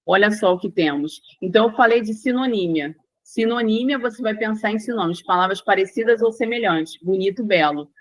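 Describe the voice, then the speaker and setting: Brazilian woman teaching with steady repetition. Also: mid-range voice, brisk, hardly any pauses, no room sound, low-quality recording. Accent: Brazilian Portuguese. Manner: explanatory, repeats key points, checks in with "tá?". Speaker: Portuguese language teacher. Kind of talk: online lesson.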